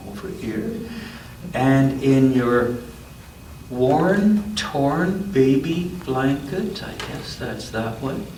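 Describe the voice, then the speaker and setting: The voice is mid-range and a little mellow, with lively intonation: a man reading to children at church story time. He pauses for asides and to quiz his listeners on the pictures, and the roomy space gives an echoey, distant-mic sound with noise behind it.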